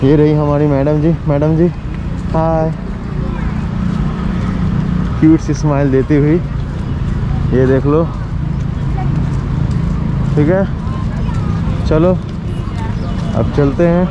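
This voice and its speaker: Chatty man vlogging over loud traffic. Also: mid-range voice, lo-fi sound. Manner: chatty, addressing viewers directly. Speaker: motovlogger. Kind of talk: casual vlog narration while riding and walking. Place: outdoors on busy city streets at night. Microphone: action camera on the bike. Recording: loud traffic and engine noise.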